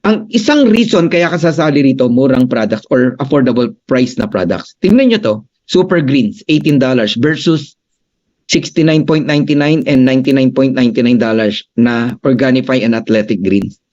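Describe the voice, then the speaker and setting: A man presenting as a business coach, emphatic and animated, addressing his audience directly, on a dull lo-fi recording. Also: medium pitch, normal speed.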